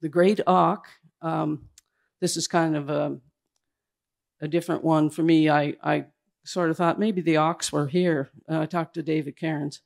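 A man giving a slide presentation at a public event indoors, talking in a hurried, halting way that keeps restarting its phrases. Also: fairly high pitch, little pitch movement, gravelly. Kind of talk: slide presentation to a live audience.

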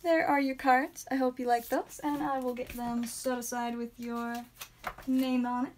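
A young woman with a high voice talks casually to her live stream audience from a small room at home. She is chatty and upbeat, reading out each card as she pulls it, with sudden excited bursts. A faint hiss sits behind her voice. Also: moderate pace. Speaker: live stream host opening card packs.

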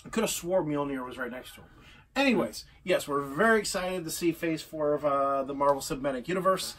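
A man co-hosting a casual podcast chat, chatty and quick to argue a point. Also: a little high, expressive, a bit bright, distant mic. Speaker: co-host.

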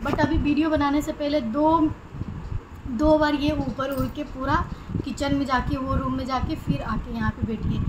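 A woman's voice: high voice, fairly even intonation, moderate pace, dull audio, background noise. A young woman chatting casually in a home vlog, rambling fondly about her pet bird. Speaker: vlogger. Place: home, indoors.

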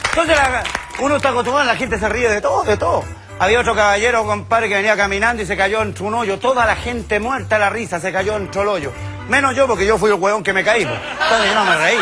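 Loud chilean comedian in his fifties. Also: high-pitched, over music. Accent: Chilean Spanish. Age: 50s. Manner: loud, crude, storytelling with quick character voices. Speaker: stand-up comedian. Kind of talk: stand-up comedy routine.

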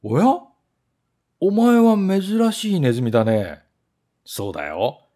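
A talking wire mousetrap from a storybook, patient and kindly, coaxing in a gentle, slow voice pitched above plain speech, as a man reads it. His tone has a lively rise and fall. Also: heavily acted.

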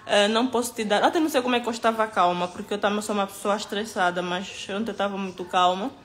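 A woman's voice: mid-range voice, racing, fairly bright tone. Woman telling a story to camera. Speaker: vlogger recounting an incident.

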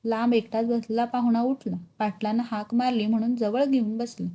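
A woman narrating a short story aloud with expressive storytelling that carries village dialect. Her voice is mellow and warm, sitting a little high for a woman. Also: moderate pace, lo-fi sound.

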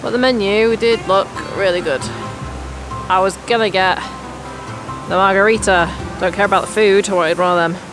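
A woman's voice: medium pitch, steady tone, moderate pace. Chatty British woman vlogging to camera. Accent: British English. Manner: chatty, upbeat, talking to the camera. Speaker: family vlogger. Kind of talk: casual vlog narration. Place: holiday lodge and indoor shops. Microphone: handheld camera at arm's length. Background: background music.

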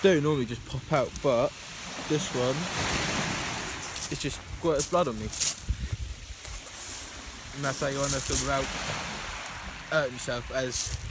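A young male angler chatting in a relaxed, slightly halting way about his catch on a beach at night. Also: mid-range voice. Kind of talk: casual fishing vlog commentary. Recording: noisy windy beach at night.

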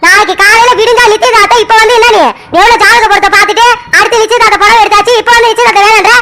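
A woman voicing an exasperated middle-aged mother in a cartoon family serial who scolds her daughter loudly. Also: extremely high pitch, fairly even intonation, very fast, heavy background noise. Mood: scolding. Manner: loud, scolding. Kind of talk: animated family serial voice acting.

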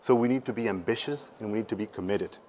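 Slight background noise accompanies this panel speaker, a startup representative around forty from Patagonia, Chile, seated on an indoor conference stage. He talks fast in a fairly low, somewhat mellow voice, conversational yet earnest and emphatic.

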